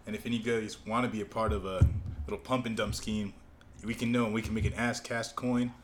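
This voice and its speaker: Brash low-voiced bro in a noisy garage. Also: male voice, fairly even intonation, brisk. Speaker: returning guest and former co-host. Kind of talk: casual, crude joking banter. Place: in his own garage. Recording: noisy garage recording with clicks.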